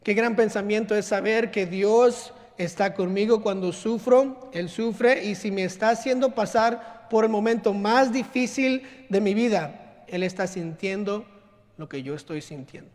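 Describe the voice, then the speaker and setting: A man preaching in a church, his voice sitting fairly high for a man. The sound rings out with a long hall reverb. He is earnest and sometimes drops soft and low to stress a point. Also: unhurried. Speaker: pastor. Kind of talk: sermon. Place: church sanctuary.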